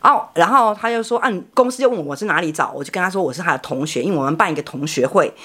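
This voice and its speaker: A woman's voice: lowish voice, very fast. A woman, telling her own story in a casual podcast chat and acting out the phone calls she recalls. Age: 50s. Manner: animated, acts out quoted phone calls.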